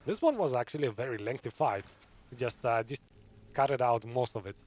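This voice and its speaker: A man's voice: mid-range voice, lively intonation, brisk, darkish tone. A man giving live commentary on a game stream, chatty and often laughing, reading viewers' comments aloud. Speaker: gaming streamer.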